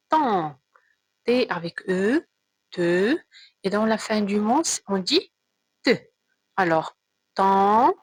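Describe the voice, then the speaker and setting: A woman teacher giving a slow, careful reading lesson to children, spelling out sounds and repeating words. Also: medium pitch, slightly rough, dry recording, low-quality recording.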